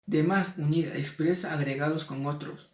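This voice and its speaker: A man with a somewhat high voice reads a spelling lesson in a measured way. He slows down for the example words. He sounds a little off the mic, in an echoey room. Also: steady tone, a little mellow, far from the mic. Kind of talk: reading a spelling lesson aloud.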